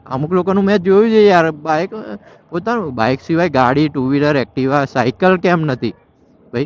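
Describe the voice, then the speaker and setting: A man giving casual running commentary while riding through city traffic, scolding wrong-side drivers and slipping into Hindi phrases. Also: fairly high pitch. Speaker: vlogger riding a motorbike. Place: on a motorbike in city traffic outdoors. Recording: dull lo-fi audio with faint traffic noise.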